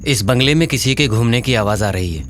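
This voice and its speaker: A man's voice: medium pitch, animated, brisk, over music, close to an everyday voice. A man doing a chummy cartoon young man. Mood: hushed. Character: easygoing young man, leader of friends. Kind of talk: cartoon voice acting.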